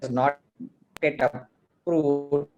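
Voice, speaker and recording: A man's voice: fairly high pitch, flat delivery, drawn-out words, a little mellow, a little hiss or hum. A man with an Indian English accent speaking politely as a panelist, his video call audio glitchy and breaking up. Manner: polite, deferential. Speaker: panelist doctor. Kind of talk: online panel discussion.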